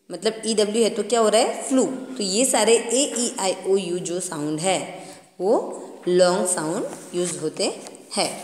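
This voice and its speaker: A woman's voice: mid-range voice, darkish tone. Indian woman teaching phonics in an echoey room. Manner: explains in Hindi and slowly reads English lines aloud. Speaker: kindergarten teacher. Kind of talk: phonics lesson for young children. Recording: echoey room with long reverb.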